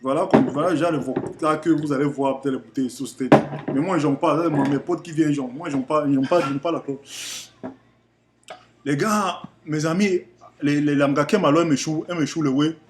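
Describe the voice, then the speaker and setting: A young man from Cameroon with a Cameroonian French accent, telling a rambling, animated story to camera in a casual vlog. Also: fairly high pitch, a little fast, noisy background. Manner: rambling, animated, repeats himself often. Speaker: vlogger.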